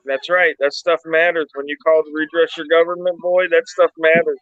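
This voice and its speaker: A man's voice: on the high side, flat delivery, moderate pace, fairly bright tone, no room sound, dull audio. A man hosting a casual livestream, chiming in with agreement and reading viewer comments aloud. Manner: affirming, reads viewer comments. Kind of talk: casual group chat.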